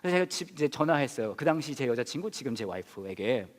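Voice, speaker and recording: Male pastor, animated comic story, lively swinging pitch, fairly high voice, long church-hall reverb. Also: fast. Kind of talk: sermon with personal storytelling.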